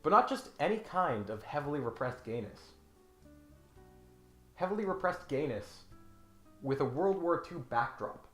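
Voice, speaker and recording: Very animated and a bit bright, the host's voice runs a little high at a moderate pace with frequent pauses. His mock-serious, scripted comedic video essay mixes in dramatic readings, recorded with roomy echo and background music.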